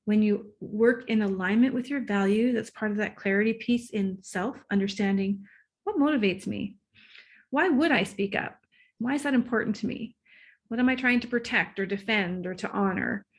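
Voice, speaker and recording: A relationship coach appears as a guest in a casual interview, speaking at a moderate pace in a mid-range voice. She's excitable, laughs readily and now and then loses her train of thought.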